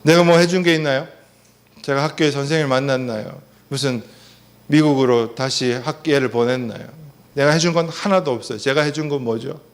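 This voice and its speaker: A man's voice: mid-range voice, a little fast. A middle-aged man giving a family seminar lecture, telling personal stories with animation and putting questions to the audience.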